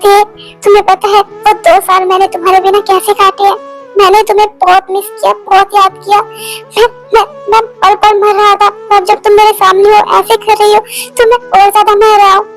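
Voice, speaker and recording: A woman's voice: very high voice, flat delivery, moderate pace, soft background music, poor audio. A pleading heartbroken young man. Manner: pleading, stammering repeats. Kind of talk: Hindi fan dub of a romance story.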